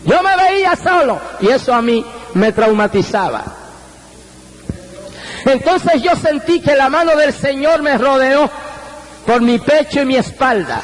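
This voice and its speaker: A man's voice: very high-pitched, expressive, a little slow, a little hiss or hum, poor audio. A man from Puerto Rico preaching a fervent sermon, telling his testimony with exclamations of praise at a convention. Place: convention hall.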